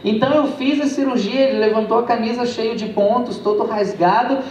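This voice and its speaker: A man's voice: very high voice, fairly quick, a little mellow, far from the mic, a little hiss or hum. A man with a Brazilian Portuguese accent preaching a sermon, telling a testimony and calling the congregation his brothers. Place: church sanctuary. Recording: echoey church, heard from afar.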